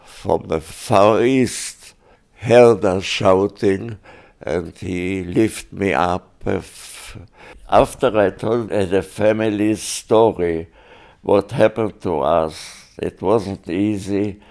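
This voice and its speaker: An older man giving oral history testimony, speaking haltingly with many pauses and restarts. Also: low-pitched, vocal fry, darkish tone. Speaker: interviewee.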